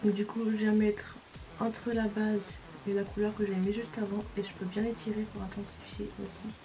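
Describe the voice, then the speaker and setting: A woman's voice: mid-range voice, flat delivery, normal speed, background noise. Chatty woman doing a makeup tutorial. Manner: casual, chatty, talks through each step. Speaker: beauty vlogger.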